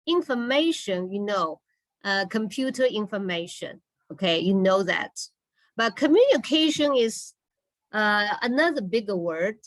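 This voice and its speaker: A woman English teacher giving a classroom lesson, speaking deliberately, repeating words and often checking in with a short okay or all right. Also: mid-range voice, expressive, dry recording. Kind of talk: slow classroom lesson with read-and-repeat drilling.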